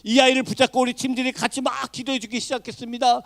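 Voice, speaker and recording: A middle-aged man, a missionary preacher, giving an impassioned sermon that swings from hushed tones to shouting. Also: very high voice, flat delivery, fast talker, gravelly.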